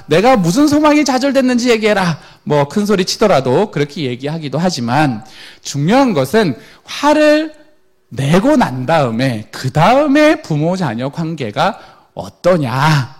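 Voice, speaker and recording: Lively high-voiced man lecturing parents. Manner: animated, acts out quoted parents and children.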